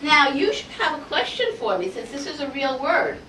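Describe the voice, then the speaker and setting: High-voiced woman teaching a classroom lesson. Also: moderate pace, a little hiss or hum. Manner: energetic, coaxing, asks the class many questions. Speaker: Hebrew teacher. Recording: roomy classroom audio from far off.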